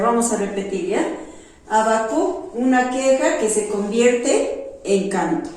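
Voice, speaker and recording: Lady doing a kids bible lesson, gentle and hesitant, echoey room, sits back from the mic. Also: mid-range voice, recorded from a distance. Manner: gentle, slow, hesitant with fillers. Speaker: children's Bible teacher.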